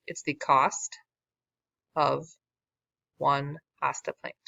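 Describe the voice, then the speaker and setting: A woman math teacher who is losing her voice works through a word problem in a recorded classroom lesson, casual and self-deprecating with wry asides. Her low voice is flat, very slow and sharp, with vocal fry. The dull lo-fi recording is dry, with no room sound.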